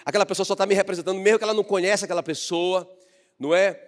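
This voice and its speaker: Brief: an emphatic Brazilian pastor, high-pitched, in an echoing church hall. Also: male voice, steady tone, racing. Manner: fervent, emphatic, often asks the congregation if they understand. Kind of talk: sermon. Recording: echoey hall reverb.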